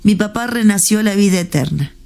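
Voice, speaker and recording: A woman gives a heartfelt faith testimony. Her voice is mellow and dark in tone, with a soft, repetitive delivery. Faint music plays underneath. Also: mid-range voice, animated, fairly quick, gravelly. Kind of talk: emotional spoken testimony.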